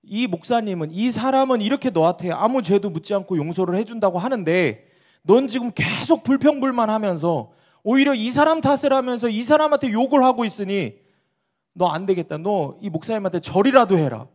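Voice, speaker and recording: A man's voice: fairly high pitch, moderate pace, mellow. A man voicing a stern policeman from the colonial era who barks orders while retelling a story in a sermon. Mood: scolding, shouting.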